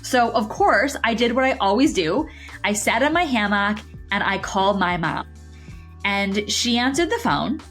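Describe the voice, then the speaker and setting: A young adult woman co-hosting a podcast, telling a story casually with energy and quick animated delivery. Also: medium pitch, soft background music. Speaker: podcast co-host.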